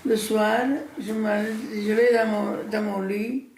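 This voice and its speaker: Gravelly elderly Italian woman, slow and halting. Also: medium pitch, little pitch movement, a little mellow, slight background noise. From Italy. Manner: halting, repeats words, simple non-native French. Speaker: interviewee recounting her immigration. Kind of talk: personal storytelling. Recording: echoey room.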